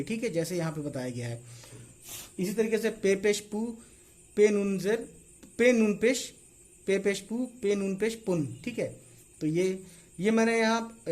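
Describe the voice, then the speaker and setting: High-voiced man teaching letters slowly. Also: a little mellow. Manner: repeats "theek hai" after each point, slow spelled-out letters. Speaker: Urdu teacher. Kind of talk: casual online lesson.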